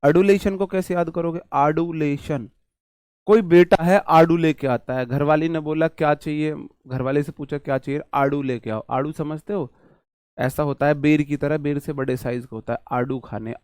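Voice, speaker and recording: A man's voice: on the high side, moderate pace, a little mellow, dry recording, studio quality. Chatty male vocabulary teacher. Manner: chatty, jokey, answers imagined student questions. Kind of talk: online exam-prep lesson.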